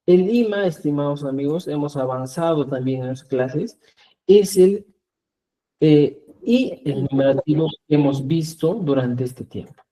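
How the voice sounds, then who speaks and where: Slow, mellow-voiced man teaching a class. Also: on the high side, expressive. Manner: slow, patient, checks understanding often. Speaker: Quechua language teacher. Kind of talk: classroom lesson.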